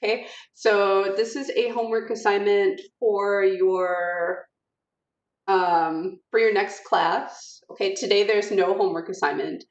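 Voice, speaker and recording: In a recorded lesson, a female teacher reads example sentences aloud to show where word stress falls, speaking informally with lots of fillers. Her voice is mid-range and steady in tone at a measured pace, captured in roomy, distant, dull audio.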